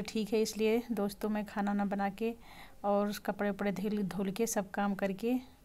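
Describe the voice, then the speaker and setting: A woman chatting casually to her viewers from her farm fields, laughing often and calling them friends. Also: medium pitch. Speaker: vlogger. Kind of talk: casual village vlog chat. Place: outdoors in farm fields, windy. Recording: loud outdoor noise.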